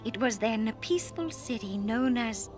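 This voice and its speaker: A woman voicing a solemn royal mother in a 1990s cartoon, narrating slowly and gravely. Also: a little high, animated, natural voice. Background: cartoon score music.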